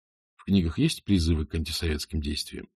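A man voicing a calm male Soviet intelligence officer, questioning a prisoner in a quiet, measured way. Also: extremely low pitch, husky, no echo, heavily acted. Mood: probing.

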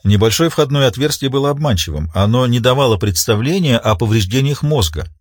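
Husky male audiobook narrator. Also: mid-range voice, animated, fairly quick, no room sound, clean studio sound.

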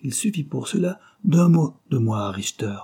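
A man's voice: medium pitch, sing-song, normal speed, warm tone, breathy edge, voice pushed up. A man voicing a jealous man who threatens and blackmails a young woman, in a hard, mocking tone. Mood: threatening.

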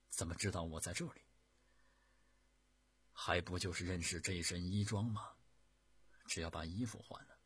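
A man voicing an embattled male commander of old, proud and tearful, declaiming with raised fervor in a husky voice. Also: low voice, heavily acted. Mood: self-reproaching.

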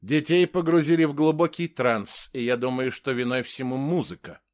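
A man's voice: medium pitch, moderate pace, lightly acted. A man reading an audiobook and voicing an anxious, earnest male doctor who speaks in a raised, eager voice and often hesitates. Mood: confident. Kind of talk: audiobook character voice.

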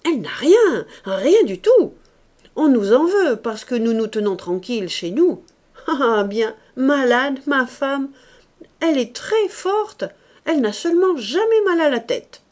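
A woman's voice: mid-range voice, expressive, normal speed, mellow, natural voice. A woman voicing a distracted middle-aged man who nervously denies rumors about his wife, vague at first and then stammering. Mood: distracted, defensive.

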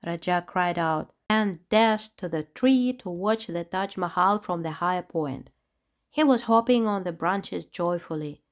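A woman narrating a children's storybook with a steady, clear reading. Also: fairly low pitch, a little slow.

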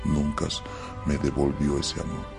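A wise old man speaks slowly and solemnly in an extremely deep, crackling voice, as a man plays him. Gentle and grave, telling a spoken storybook tale. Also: level tone, vocal fry, over music.

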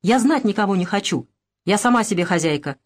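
Young peasant wife, sharp-tongued and defiant, voiced by a woman narrator; audiobook. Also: medium pitch, lively intonation, fairly quick, natural voice. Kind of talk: audiobook character voice.

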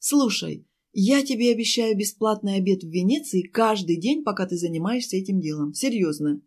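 A woman voicing a chatty, fussing woman who runs a cafe, pleading and talking fast in an audiobook. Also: mid-range voice, expressive, a little mellow, close to an everyday voice. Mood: fussy, pleading. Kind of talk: audiobook character voice.

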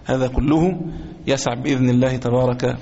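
Egyptian sheikh teaching in an echoey hall. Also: male voice, mid-range voice, fairly even intonation, warm tone. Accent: Egyptian Arabic. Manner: deliberate, repeats phrases, chants quoted takbir slowly. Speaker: sheikh teaching a religious text. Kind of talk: religious lesson explaining a book. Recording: echoey hall, dull lo-fi sound.

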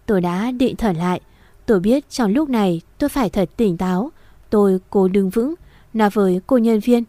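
A woman reading a first-person story in a soft, emotional way. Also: medium pitch, moderate pace, no room sound. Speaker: narrator.

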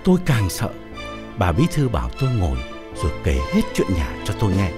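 A man's voice: sits low, wildly swooping pitch, brisk, loud music behind the voice, voice pushed down. Man voicing a boastful old fortune teller. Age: older. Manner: boastful, storytelling.

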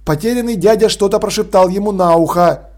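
A man narrating an audiobook in an expressive, lively storytelling manner. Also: high voice, fairly quick. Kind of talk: audiobook reading.

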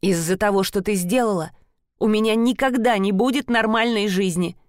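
A woman's voice: mid-range voice, moderate pace, dry recording, clean studio sound, lightly acted. Woman voicing an upset young sister. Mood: bitter. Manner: emotional, rising and pleading. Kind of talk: audiobook character voice.

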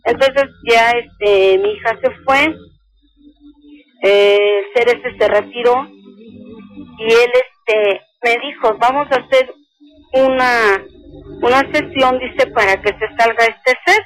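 A woman's voice: fairly high pitch, soft background music, poor audio. Older woman telling a story. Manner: slow, earnest retelling that quotes each speaker. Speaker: caller. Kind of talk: telling a personal story on a call-in radio show.

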